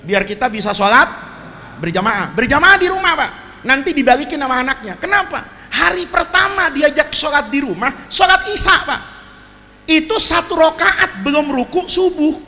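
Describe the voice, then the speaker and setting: A man's voice: very high-pitched, moderate pace. A man preaching a humorous sermon, telling stories with jokes and asides to the congregation. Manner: animated storytelling with jokes, frequent asides to the audience. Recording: reverberant hall, faint ambient noise.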